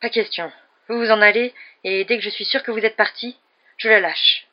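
A reader, likely a woman, voicing a panicked, desperate young man holding a knife, talking loud and panicky, on a dull lo-fi recording. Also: mid-range voice, quick pace, slightly rough, natural voice. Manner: raised, panicky.

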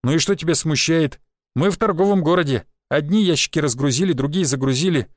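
Man voicing a gruff scornful ship guard. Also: a little high, fairly quick, no room sound, studio quality, close to an everyday voice. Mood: scoffing. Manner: rough, scornful. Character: gruff burly male ship guard, dismissive.

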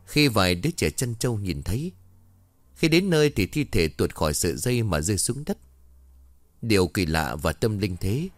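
A man's voice: on the low side, no room sound. A man narrating a horror story in a dramatic storytelling manner. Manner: dramatic storytelling with acted voices.

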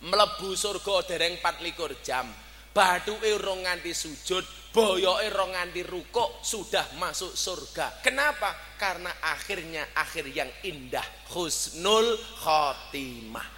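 Sharp-voiced Javanese preacher in a hall. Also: male voice, sits high, takes it slowly. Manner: animated storytelling, swings between loud and soft. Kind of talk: sermon. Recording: reverberant hall, faint background noise.

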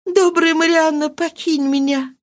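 A woman voicing a grief-stricken young noblewoman, speaking high and pleading in trembling despair. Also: steady tone, measured pace. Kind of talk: audiobook character reading.

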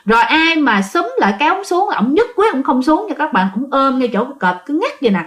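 A woman's voice: high-pitched, sing-song, fast talker, fairly bright tone. A woman telling a ghost story in casual narration, chatty and addressing listeners directly.

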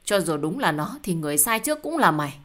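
Woman voices a gruff, weary elderly father in a storybook; scolding, somewhat low. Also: very animated, fast, fairly bright tone.

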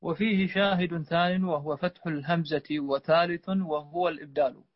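A man's voice: fairly high pitch, fairly even intonation, moderate pace, dry recording. Man reading a text aloud in class. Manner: reads carefully with small stumbles and fillers. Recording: dull, dry lo-fi recording.

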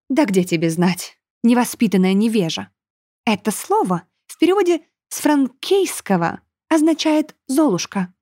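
Lady doing a snooty mincing noble lady, squeaky and smug, dry sound. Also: darkish tone, no echo. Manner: mincing, affected, mocking. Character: pompous affected young noblewoman, mocking.

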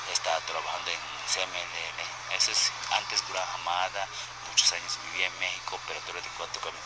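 A man from Japan with a Japanese accent, speaking halting Spanish with many fillers as a guest on a phone interview. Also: sits low, very noisy. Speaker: guest wrestler.

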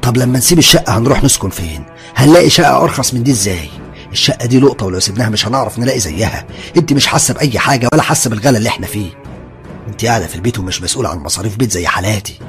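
A man's voice: sits low, steady tone, very fast, creaky, a bit bright, faint music behind, pitched below the performer's own voice. A man voicing a hard-pressed, stubborn young husband with an Egyptian accent, blunt and complaining. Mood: angry. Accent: Egyptian Arabic.

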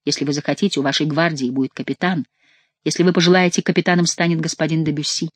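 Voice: mid-range voice, steady tone, fast, no echo, close to an everyday voice. Reader doing a pleading old queen mum, bossy but begging, storybook style. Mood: coaxing. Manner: theatrical storybook reading. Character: aging queen mother, imperious yet pleading. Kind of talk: audiobook reading.

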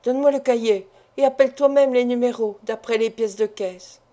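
A woman's voice: on the high side, normal speed, warm tone, lightly acted. A woman reading the lines of a stern, ailing elderly father who presses his family with questions. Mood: commanding.

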